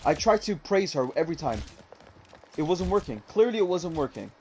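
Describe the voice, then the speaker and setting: A man's voice: fairly high pitch, very animated, fairly quick, a little mellow, a little hiss or hum. A young man casually telling a long story about an online game, rambling with lots of fillers and calling the listener "bro". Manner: rambling, fillers like "what's it called", says "bro".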